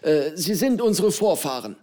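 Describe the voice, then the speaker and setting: A man's voice: very animated, normal speed, warm tone. A man putting on a jolly old island pirate. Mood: jovial. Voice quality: booming hearty manner.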